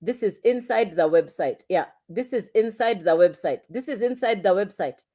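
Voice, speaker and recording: Woman pitching on a livestream. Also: animated, normal speed, mellow. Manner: repetitive, coaxing, addresses viewers directly. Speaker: online marketing livestreamer.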